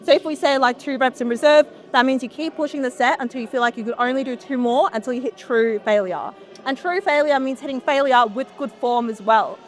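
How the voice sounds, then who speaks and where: A woman coaching in a gym, pushing a lifter with loud, blunt, sweary encouragement and explaining training terms. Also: high voice, brisk. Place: gym floor.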